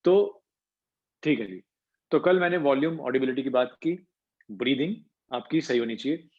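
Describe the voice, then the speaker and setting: A male voice coach leads an online class and explains breathing and pitch step by step. His voice sits in a middle range. The call audio is muffled and lo-fi. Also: normal speed. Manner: explanatory, mixing in English terms. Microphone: video call.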